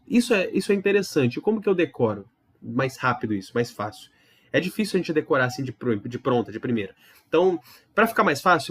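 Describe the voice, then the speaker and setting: A man teaching a recorded Hebrew lesson, explaining patiently, demonstrating sounds and checking in with his students often. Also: fairly high pitch. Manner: explains patiently with many tag questions and demonstrations.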